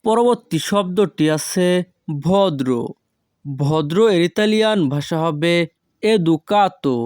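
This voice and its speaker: A man with a fairly high voice teaches vocabulary in a very slow, measured drill. He stretches each foreign word out with care and repeats it. His voice sounds dry and close, with no room around it. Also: darkish tone, no room sound. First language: Bengali. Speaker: language teacher.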